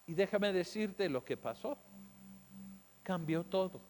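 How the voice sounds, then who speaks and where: A man's voice: high-pitched, animated, slow, big-room sound. A man preaching a sermon as a pastor, telling his own story, asking rhetorical questions and acting out the voices of doubters.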